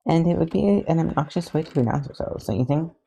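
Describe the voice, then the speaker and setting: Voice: medium pitch, lively intonation, quick pace, vocal fry, warm tone, slight background noise, voice pushed up. A podfic reader voicing Superman, a cheerful male superhero who jokes and teases. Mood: teasing. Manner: joking, teasing.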